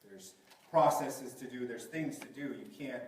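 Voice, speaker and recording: Echoey preacher at a pulpit microphone. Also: male voice, medium pitch, a little slow, slight background noise. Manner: asks the congregation rhetorical questions. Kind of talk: sermon. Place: large echoey church hall. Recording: very echoey, from a distance.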